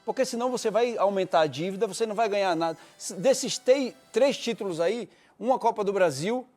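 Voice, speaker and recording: A man's voice: sits high, fairly quick, darkish tone, soft background music. A man on a sports panel, stubbornly repeating his point and tripping over words. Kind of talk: heated casual sports chat.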